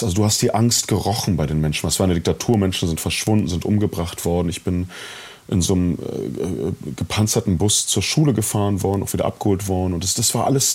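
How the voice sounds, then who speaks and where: A man's voice: low voice, a little mellow, slightly rough. A middle-aged man from East Germany, an actor speaking candidly and reflectively in an interview, with many fillers and restarts.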